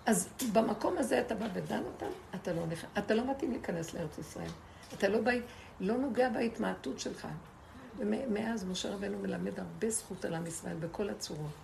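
A female Torah teacher gives an impassioned spiritual lesson to a group in a medium-pitched, gravelly voice with a darkish tone. She asks rhetorical questions and repeats words for emphasis, with slight background noise behind her.

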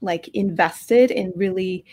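A woman's voice: medium pitch, slow pace, husky. A woman co-hosting a podcast, talking casually and at length with fillers. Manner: chatty, warm introductions with fillers. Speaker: podcast co-host.

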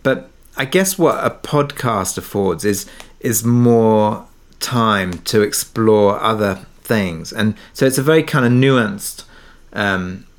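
A middle-aged British man with a fairly low voice speaks slowly as an interview guest. An audio drama creator who was partly raised in Kuwait, he reflects hesitantly and thoughtfully, often circling back to rephrase.

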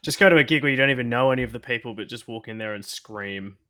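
A man's voice: medium pitch, quick pace, pushed and bright. An Australian man co-hosting a casual chat with friends, joking in a self-deprecating way. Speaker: podcast co-host. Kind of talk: casual banter among friends.

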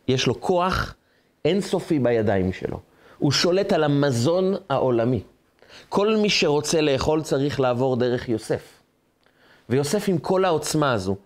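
A rabbi delivers a sermon on the weekly Torah portion in a high male voice. He tells the story dramatically, stacking short phrases into rhythmic lists. His pitch swings widely as he builds each point.

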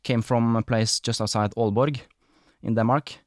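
A man's voice: medium pitch, steady tone, moderate pace, darkish tone, no room sound, clean studio sound. A man from Norway hosting a podcast interview, talking in a rambling, apologetic way with many fillers. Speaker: podcast host. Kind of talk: casual interview chat.

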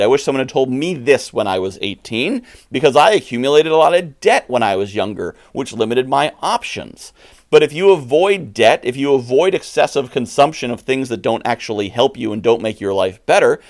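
A middle-aged man hosting a podcast, delivering an earnest, emphatic motivational monologue. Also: mid-range voice. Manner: earnest, emphatic, advice-giving. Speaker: podcast host.

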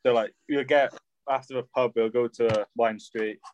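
A man's voice: mid-range voice, steady tone, normal speed, a little mellow, no room sound. Young Swansea man chatting, close and dry. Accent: Swansea Welsh. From Swansea, Wales. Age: young adult. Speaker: podcast guest. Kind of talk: casual podcast chat.

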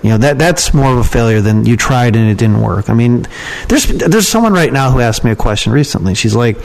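An email marketer and copywriting trainer appears as a podcast guest, speaking informally and expressively at a brisk clip, with vocal fry. He repeats words for emphasis, his pitch sits in a normal male middle range, and the audio quality is poor.

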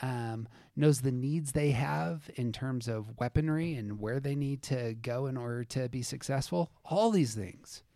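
A man's voice: mid-range voice, a little slow, hardly any pauses, mellow, dry recording, studio quality. Laid-back man recapping an episode. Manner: narrates scenes, reads out quotes, laughs easily. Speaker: podcast host. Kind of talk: casual episode recap and discussion.

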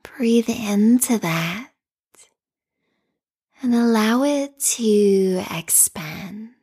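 Calm, meditative woman, very slow and breathy. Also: mid-range voice. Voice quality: soft, breathy, whispery. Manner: calm, meditative, soothing delivery. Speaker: guided meditation host. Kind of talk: guided meditation.

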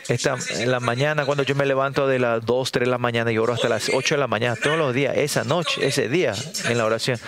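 A middle-aged male pastor preaches with a mid-range voice, stopping often to ask "right?" and restarting his phrases. He jumps up in pitch whenever he acts out someone praying. The congregation is clearly audible around him. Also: steady tone, a crowd in the background. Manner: frequent tag questions, halting restarts and fillers; acts out prayers in a raised voice. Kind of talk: sermon.

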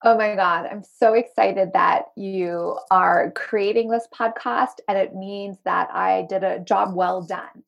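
Gravelly woman with a light Zimbabwean accent. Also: mid-range voice, steady tone, takes it slowly, hardly any pauses, highs cut off. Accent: light Zimbabwean and South African, mostly American. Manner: enthusiastic, earnest. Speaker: marketing coach and podcast guest. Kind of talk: casual podcast conversation.

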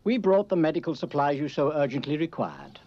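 An actor playing a kindly, polite older priest with a genteel manner in a television puppet drama. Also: male voice, a little high, very animated, fairly quick. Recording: dull lo-fi soundtrack, faint music.

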